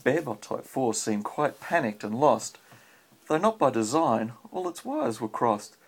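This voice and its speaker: This father's mid-range voice is husky and a little slow, with big pitch swings, as he reads a children's story aloud to his child. Between bits of the story he chats casually and asks encouraging questions. The home recording was made on a handheld phone and has faint background noise.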